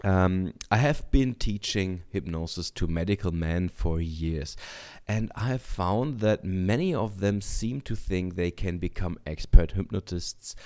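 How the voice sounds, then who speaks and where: A man reading a book aloud in a deliberate, measured way, adding short comments as a teacher. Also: low-pitched, darkish tone. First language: German.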